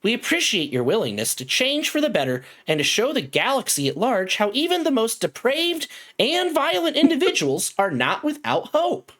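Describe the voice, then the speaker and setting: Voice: mid-range voice, wildly swooping pitch, moderate pace, a bit bright, pitched above the performer's own voice. A game master voicing a courteous corporate AI assistant system that reads out formal announcements. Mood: formal welcome.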